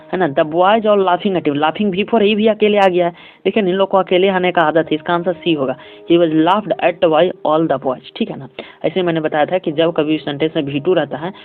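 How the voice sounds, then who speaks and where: Man teaching over tinny phone-like audio. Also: high voice. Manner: explains step by step, often checks in with "ठीक है ना"; reads English sentences slowly, then explains them. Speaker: English teacher. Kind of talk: exam paper walkthrough lesson.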